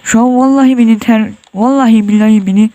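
A man's voice: very high-pitched, fairly even intonation, fast, mellow. A nervous man commenting on his horror game run, muttering prayers and yelping when startled. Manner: tense, jumpy, muttering prayers and exclamations. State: sweating, nervous. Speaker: gamer.

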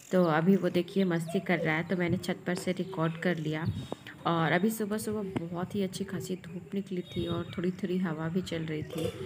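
A woman's voice: lowish voice, background noise. A young woman narrating her family vlog in a chatty, homely way, talking straight to her viewers. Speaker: family vlogger.

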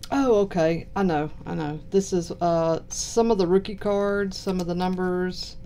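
Slow, mellow Southern US woman. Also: fairly even intonation, a little hiss or hum. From southern United States. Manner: low-key, mumbling delivery. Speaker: card box-break host. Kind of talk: casual unboxing commentary. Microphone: purchased microphone.

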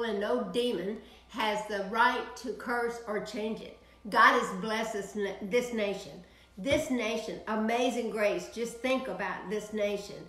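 Preaching online from a home office, this older minister with a Texan accent gives a prayer broadcast sermon with big, sweeping gestures and lots of animation. Her voice sits a little high, and the poor audio carries a roomy echo.

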